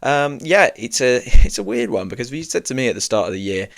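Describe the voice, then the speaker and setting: A man hosting his own football podcast in a loose, conversational way, with lots of fillers and a voice still rough from early morning. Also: medium pitch, animated, fast, fairly bright tone. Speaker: podcast host. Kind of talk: solo football podcast chat.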